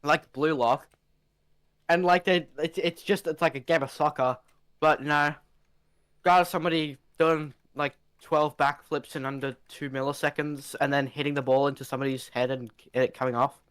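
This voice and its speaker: A man's voice: fairly high pitch, fairly even intonation, moderate pace, a bit bright, smooth. A young man chatting casually as a podcast co-host, laid-back and stammering at the start of his sentences. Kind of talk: casual chat.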